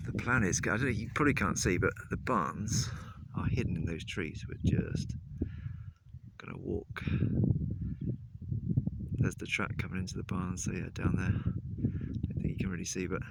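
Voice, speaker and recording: A man's voice: deep voice, fairly even intonation, normal speed, gravelly. A man in his late thirties chatting casually and hesitantly as he vlogs on a walk outdoors, thinking aloud as he goes. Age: late 30s. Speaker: vlogger. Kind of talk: casual walking vlog, rambling commentary. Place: outdoors on a countryside track. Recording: outdoor recording with loud wind noise on mic. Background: wind noise.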